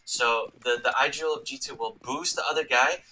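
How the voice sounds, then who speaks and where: A man casting a live esports match, excitable and yelling at big plays, his voice going hoarse. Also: mid-range voice, fairly quick, low-quality recording. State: losing his voice. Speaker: esports caster. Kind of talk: live game commentary.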